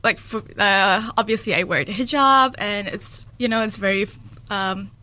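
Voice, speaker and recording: A young woman from Malaysia, living in New Zealand since age ten, is a podcast guest and student association president. She chats casually in a mid-range, sharp-toned voice at a moderate pace, often searching for words.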